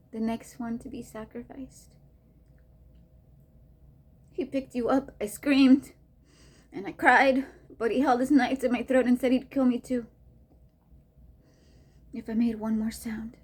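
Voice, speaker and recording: A woman's voice: a little high, fairly even intonation, a little slow, pauses often. Woman reading as a grieving young mother. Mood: grim. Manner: tearful, sliding into whispers. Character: young mother, ex-child soldier, grieving her baby. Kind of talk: dramatic monologue rehearsal.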